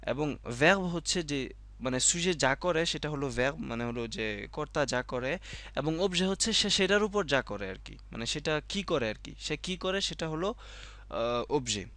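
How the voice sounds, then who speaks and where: A man's voice: fairly high pitch, animated, measured pace, a bit bright. A man teaching French in a casual spoken lesson, explaining step by step and correcting himself often. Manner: explains step by step, repeats himself, many fillers and self-corrections.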